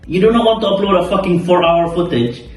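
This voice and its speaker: Echoey, higher-voiced young man chatting casually. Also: fast. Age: young adult. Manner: repeats words, emphatic, swears casually. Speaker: YouTuber, content creator. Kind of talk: casual chat during a mukbang. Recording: echoey room, distant mic, background music.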